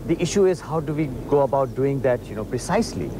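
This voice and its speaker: A middle-aged man interviewed live outdoors, earnest and filling pauses with "you know". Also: medium pitch, lively intonation. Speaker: festival founder, interview guest. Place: outdoors on a park lawn. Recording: faint outdoor background noise.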